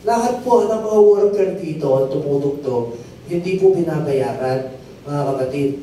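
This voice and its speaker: Mellow pastor preaching in an echoey hall. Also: male voice, a little high, lively intonation, unhurried. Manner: call-and-response, keeps asking the crowd for "amen"; storytelling testimony with rising emphatic peaks. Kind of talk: sermon. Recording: very echoey hall, mic far off, faint noise.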